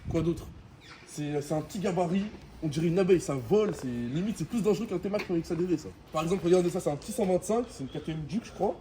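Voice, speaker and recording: Here a young man with a mellow, slightly high voice talks rapidly in French banlieue street slang, doing a casual vlog-style review to camera. Ambient noise is clearly present.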